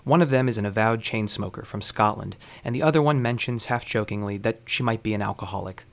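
Dry, wry low-voiced male host. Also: fast talker, creaky, highs cut off. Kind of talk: scripted narration.

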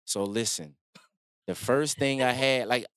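Male storyteller, slangy and easygoing, bright timbre, dry close sound. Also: medium pitch, a little slow, smooth, no room sound. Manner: laid-back slangy storytelling, acts out quotes. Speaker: guest telling his story. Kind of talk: casual storytelling.

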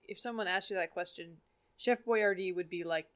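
Woman cohost making deadpan jokes, chill and casual. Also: lowish voice, moderate pace. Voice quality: dry, wisecracking asides. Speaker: podcast co-host. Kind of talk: casual comedic chat.

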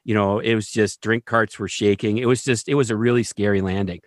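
Animated male storyteller, dry sound. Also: lowish voice, fairly quick, no echo. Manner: animated, keeps asking "right?". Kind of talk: casual storytelling.

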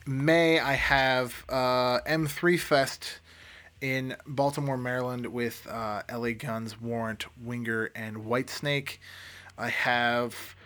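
A man's voice: mid-range voice, steady tone, slow pace, fairly bright tone. A man, hosting a casual solo podcast and rambling with lots of swearing, fillers and restarts. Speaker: podcast host.

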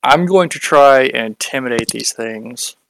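Very low, gravelly woman at the game table. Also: a little slow, no room sound, poor audio. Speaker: player in a tabletop role-playing game. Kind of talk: casual game-table talk.

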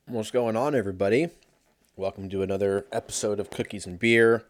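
Low-energy man rambling on his podcast. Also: steady tone, brisk, slight background noise. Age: 30s. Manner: rambling, profane, laughs often. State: low energy after being sick. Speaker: podcast host. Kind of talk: casual solo podcast chat.

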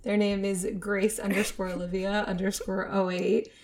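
An upbeat woman co-hosting a chatty podcast, with a voice that sits in an ordinary middle pitch. She talks in a relaxed, casual way and laughs often. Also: normal speed. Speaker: podcast co-host. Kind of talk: casual chat.

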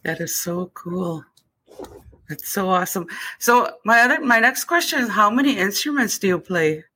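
A woman's voice: medium pitch, expressive, moderate pace, sharp tone, breathy edge. A woman interviewing a musician, with short, enthusiastic replies between her questions.

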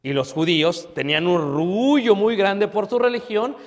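A man preaching a sermon as a pastor, asking rhetorical questions and swinging between loud emphasis and hushed asides. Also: high-pitched, expressive, moderate pace. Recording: long hall reverb.

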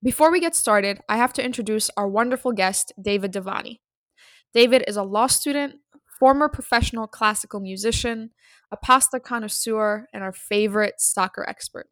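A woman's voice: medium pitch, moderate pace, fairly bright tone, no room sound. A woman hosting a podcast, reading scripted introductions and narration. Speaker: podcast host.

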